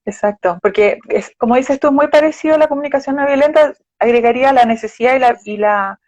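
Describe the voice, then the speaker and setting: A female psychologist, appearing as a guest in a live conversation, explains things patiently and offers examples with quoted phrases. Her voice is high and darkish and she talks fast, captured as dull, dry live-stream audio with no room sound.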